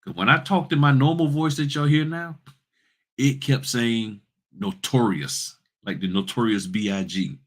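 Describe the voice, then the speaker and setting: A man's voice: mid-range voice, measured pace. A man hosting a notary business channel, talking in a casual, blunt, rhetorical way that teases his listeners. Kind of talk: casual, preachy straight-talk monologue.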